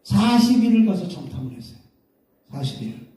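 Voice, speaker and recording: High-voiced male pastor in an echoey church hall. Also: very animated, normal speed, dark tone. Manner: casual storytelling, acting out quoted voices. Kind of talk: sermon. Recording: echoey hall, mic far off.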